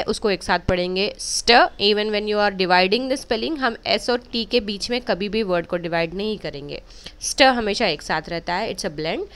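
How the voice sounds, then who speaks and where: Slow, clear-voiced woman teacher. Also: medium pitch, fairly bright tone. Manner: clear, careful teacher-like explanation, slow drawn-out English words. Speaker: spelling teacher for children. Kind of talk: bilingual spelling lesson.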